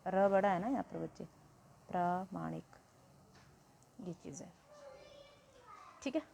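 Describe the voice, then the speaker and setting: A woman's voice: lowish voice, slow, creaky, dark tone, a little hiss or hum. A woman teaching a Hindi grammar lesson, explaining step by step and asking questions she answers herself.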